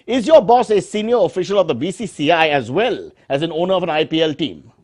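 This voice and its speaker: A man's voice: on the high side, lively intonation, fast talker, darkish tone. A man with an Indian accent hosting a satire show as a parody news anchor, mock-serious and exclamatory, with exasperated asides.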